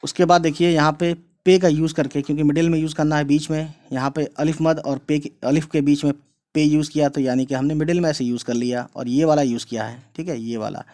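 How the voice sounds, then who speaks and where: A man's voice: fairly high pitch, fairly even intonation, a little fast, darkish tone. A man teaching an Urdu lesson online, explaining patiently and repeatedly, checking in with viewers and calling them guys. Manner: addresses viewers casually as guys.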